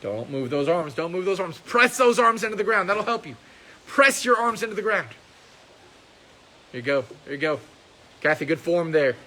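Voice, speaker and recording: A man teaching a karate class, shouting counts and commands and cheering students on, in a training hall with mirrors. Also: high voice, big pitch swings, moderate pace, long pauses, a little hiss or hum. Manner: loud barked commands and upbeat encouragement. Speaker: karate instructor. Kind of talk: live coaching of a class.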